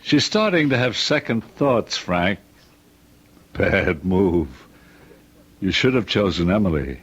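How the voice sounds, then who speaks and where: An actor playing a sly, cynical, needling older uncle in an old-time radio drama, deliberate and insinuating. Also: male voice, sits low, expressive, fairly bright tone, husky, exaggerated voice. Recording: dull old radio recording.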